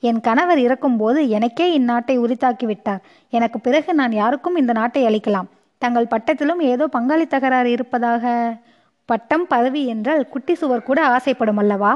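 A woman's voice: on the high side, normal speed, darkish tone, lo-fi sound, natural voice. A woman reading as a proud, commanding queen. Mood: scheming. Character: proud middle-aged queen, quick to anger.

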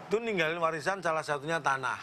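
Comic father-in-law, teasing and long-winded, a man doing it, fairly high voice, noisy room. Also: quick pace, natural voice. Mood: playful. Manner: teasing, rambling, playful wordplay. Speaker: comic actor. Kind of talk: comedy sketch.

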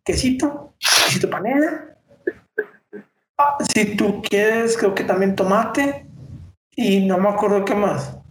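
A young man, chatting casually in heavy slang, joking and drawing out his stories. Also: high-pitched. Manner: slangy, joking, drawn-out storytelling. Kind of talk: casual chat. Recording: echoey room with faint noise.

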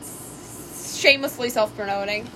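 A woman's voice: medium pitch, unhurried, pushed and bright, a little hiss or hum. A woman co-hosting a casual home podcast, chatty and often echoing or finishing the others' sentences. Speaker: podcast co-host. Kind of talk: casual chat. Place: home, indoors.

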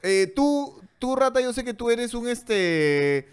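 A man's voice: very high voice, big pitch swings, takes it slowly, smooth. A man co-hosting a casual comedy podcast, joking and repeating himself. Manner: joking, repeats words, drops into hushed impressions. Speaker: podcast co-host.

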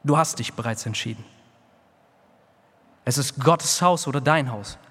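A man preaching a sermon, emphatic, swinging between quiet, intimate lines and loud, dramatic ones as he acts out excuses. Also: mid-range voice, a little slow, husky. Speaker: pastor. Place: church hall. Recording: long reverb of a church hall.

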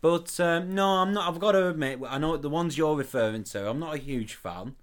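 A man's voice: a little high, brisk. A man co-hosting a casual podcast chat, eagerly sharing trivia. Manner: chatty, shares trivia with relish. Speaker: podcast co-host.

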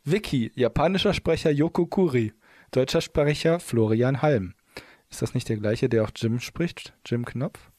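A man's voice: mid-range voice, a little slow, a little mellow, no room sound, studio quality. A man co-hosting a casual chat, reading facts aloud in a playful, giggly way and stumbling over words. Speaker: podcast co-host.

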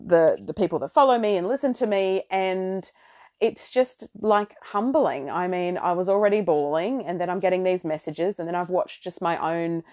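Chatty middle-aged woman, lowish voice. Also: moderate pace, a little mellow. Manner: chatty, rambling, tangential. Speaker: astrology podcast host. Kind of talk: casual solo podcast chat.

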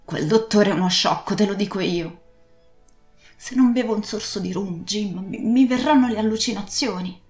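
Woman doing old drunken pirate captain, desperate ranting, roomy echo, soft music behind. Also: medium pitch, moderate pace, lightly acted. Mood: pleading. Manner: pleading then blustering, ranting.

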